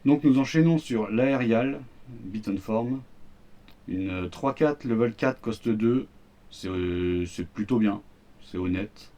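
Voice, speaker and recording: A man's voice: fairly low pitch, slow pace, dark tone. A man with a French accent, casually presenting the cards of a starter deck, rambling with fillers and slang. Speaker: card game YouTuber. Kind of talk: casual deck unboxing commentary.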